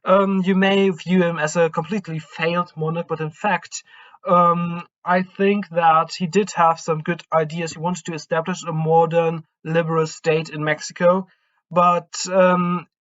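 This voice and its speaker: A man's voice: a little high, little pitch movement, measured pace, a bit bright, lo-fi sound. A man with a German accent giving a casual history talk, hesitant and full of ums and self-corrections. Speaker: history channel host.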